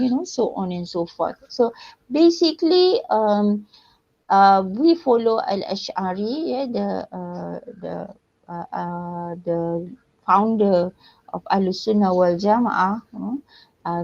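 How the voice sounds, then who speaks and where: A woman giving a lecture to her students, pausing often with fillers and checking in with "yeah" and "eh". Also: medium pitch, darkish tone, dull audio. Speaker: university lecturer. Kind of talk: recorded online lecture.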